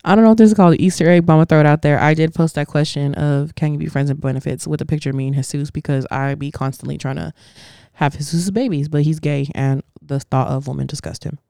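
A woman's voice: sits low, quick pace, vocal fry, warm tone, clean tone, dry recording, clean studio sound. A young woman hosting a podcast, talking in a blunt, profane, opinionated way in casual chat. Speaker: podcast host.

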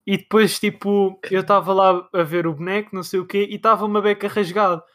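A young man with a European Portuguese accent chatting casually and telling stories with friends in an excitable, slangy, insistent manner. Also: sits high, quick pace. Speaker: podcast co-host. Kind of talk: casual chat, storytelling among friends.

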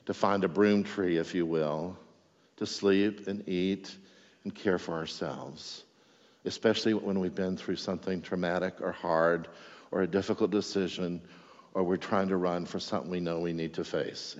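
Low-voiced pastor preaching in an echoey hall. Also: male voice, steady tone, moderate pace. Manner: conversational preaching, checks in with the congregation. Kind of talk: sermon. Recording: echoey hall, dull lo-fi sound.

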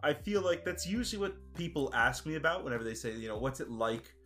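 A man's voice: a little high, animated, fast, pushed and bright, soft background music. A man hosting a casual podcast interview, rambling with lots of fillers and asking friendly questions. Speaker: podcast host. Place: lives and works in Russia as a foreigner.

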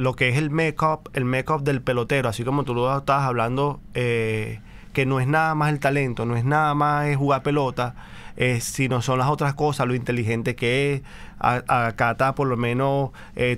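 A man being interviewed on a sports podcast as a baseball league executive, answering in a measured way with many pauses and fillers. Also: mid-range voice, steady tone, a bit bright, clean tone.

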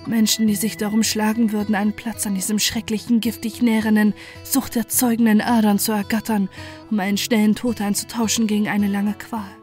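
In a first-person horror audio drama, a woman plays a desperate, horrified narrator confronting a mad former friend, telling it with dramatic intensity and dread. Her medium-pitched voice is brisk, flat, and darkish, with light acting over soft background music.

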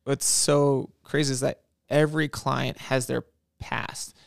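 A male podcast host with a medium-pitched, slow voice, little pitch movement, and vocal fry interviews guests in a casual, conversational way. He's in an office, and the sound is close, dry, and studio-clean with no room sound.

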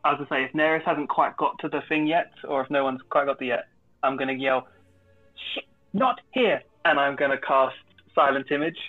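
A man's voice: mid-range voice, flat delivery, fast talker, dry recording, faint music behind. A man chatting casually as a player in a tabletop game, thinking aloud with some hesitation. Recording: thin, phone-like voice call sound.

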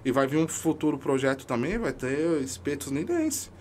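A man sits in on a casual podcast chat and tells his stories with feeling, slangy and emphatic. His voice sits a little high for a man, and faint noise hums under the recording. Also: animated, normal speed, a little mellow. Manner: emotional storytelling, slangy and emphatic. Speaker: podcast guest, amateur football club leader.

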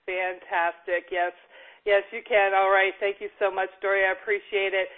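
A woman's voice: mid-range voice, little pitch movement, normal speed. A woman hosting a casual interview, upbeat and chatty, often laughing as she talks. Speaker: interview host and book editor. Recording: phone-like narrow line.

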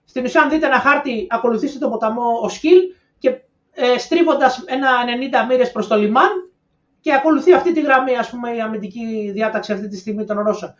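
A woman co-hosting a podcast in casual analytical chat, speculating and offering her ideas in a knowing tone. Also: fairly high pitch. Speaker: podcast co-host. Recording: distant, echoey, dull-sounding mic.

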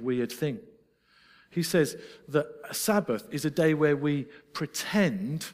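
A middle-aged Scottish man preaching a sermon, earnest and reflective, with self-deprecating asides. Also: medium pitch. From Scotland. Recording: long reverb of a large hall.

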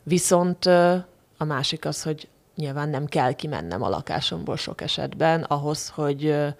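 Gravelly-voiced woman researcher guest. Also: low voice, a little mellow. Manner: hesitant, many restarts. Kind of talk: casual discussion.

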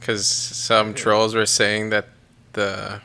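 Low gravelly guy, deadpan goofy jokes on a podcast. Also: takes it slowly. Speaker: podcast co-host. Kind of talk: casual podcast banter.

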